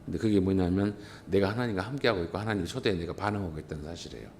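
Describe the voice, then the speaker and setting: A man's voice: low voice, racing, a little mellow, a little hiss or hum. A male pastor delivering an emphatic, impassioned sermon.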